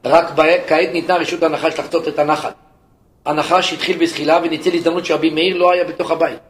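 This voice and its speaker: A man, a rabbi, preaching a sermon and telling a story with lively narration, speaking directly to his listeners. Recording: echoey room, faint rumble.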